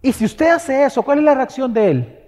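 A man preaching a sermon, firing off rhetorical questions and swinging between loud exhortation and hushed, tender passages. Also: very high voice, very animated, moderate pace. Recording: long hall reverb.

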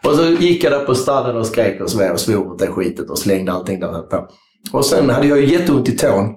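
A man's voice: fairly low pitch, big pitch swings, darkish tone, echoey room. A man telling a long story in casual interview chat, rambling and swearing freely. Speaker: guest.

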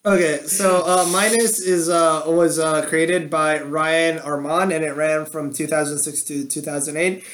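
A man with a slightly high voice chatting casually as a podcast co-host. He rambles, piling on fillers and restarts as he tells a story. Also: fairly even intonation, a little slow, few pauses, a bit bright. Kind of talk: casual chat.

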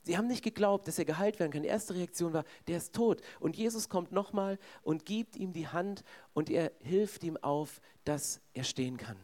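A man's voice: high-pitched, moderate pace, darkish tone. A man preaching a sermon in a conversational way, speaking directly to his congregation.

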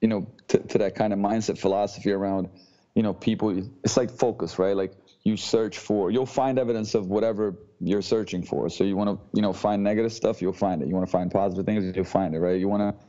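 A man from Slovenia, a gym owner speaking as a podcast guest in a halting way, often repeating words before going on. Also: lowish voice, fairly even intonation, dark tone. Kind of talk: casual interview talk. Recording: dull lo-fi audio.

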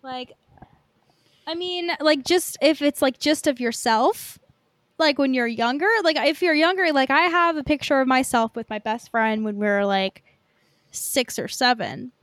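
A young woman co-hosts a podcast, rambling casually about films and dropping "like" constantly. Her voice is high and a bit bright, with a measured pace. The studio-quality recording has no echo.

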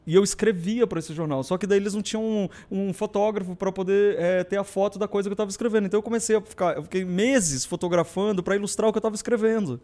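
Animated, high-voiced man telling stories. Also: quick pace, hardly any pauses. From southern Brazil. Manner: animated, acts out quoted dialogue. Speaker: guest photographer. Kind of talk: casual interview storytelling.

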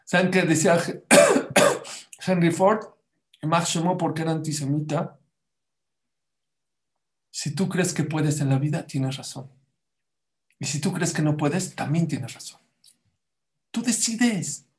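A male religious speaker with a highish voice delivers an emphatic motivational sermon to a live audience, speaking a little slowly with frequent pauses. His voice is slightly raised, he keeps throwing rhetorical questions at listeners, and the room echoes.

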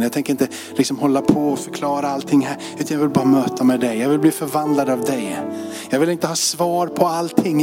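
Male pastor, slightly high voice, fervent repeated prayer lines, music playing underneath. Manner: fervent, repetitive prayer cadence. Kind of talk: closing prayer and sermon story. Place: church sanctuary.

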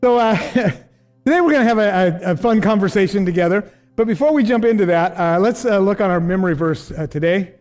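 Breathless high-voiced pastor, older man. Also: a little fast, darkish tone, faint music behind. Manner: chatty, self-deprecating, laughs often. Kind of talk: casual sermon. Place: church sanctuary.

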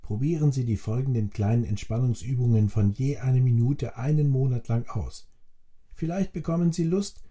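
Man, very soft dark timbre, measured instructional delivery, scripted relaxation narration, formal podcast presenter. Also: mid-range voice, soft background music.

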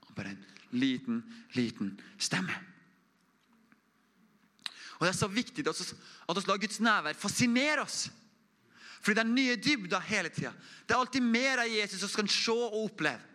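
A young man preaches an informal testimony in a church, earnest and conversational. His voice is bright and forceful and sits somewhat high. He often sinks to a soft hush when he speaks of quiet, intimate moments. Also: lively intonation. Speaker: preacher giving a mission report.

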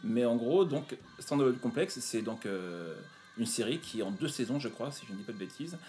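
Man, mid-pitched voice, hesitant, fillers, casual game chat. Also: lively intonation, moderate pace, a little mellow, faint music behind. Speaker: game presenter. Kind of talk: casual retro gaming chat.

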